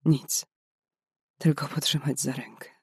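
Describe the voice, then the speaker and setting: A driven young woman doctor fighting to save a life, urgent and raw with emotion, as a male narrator puts her on. The voice sits a little high and the sound is dry and close, with no room around it. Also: unhurried, darkish tone, dry recording. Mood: despairing. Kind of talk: audiobook character voice.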